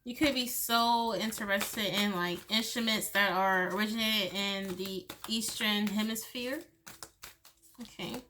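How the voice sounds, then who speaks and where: A woman's voice: medium pitch, fairly even intonation, a little slow, sharp tone, slight background noise. A woman giving a loose, chatty tarot reading, swearing freely and laughing between thoughts. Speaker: tarot reader. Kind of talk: casual tarot reading monologue.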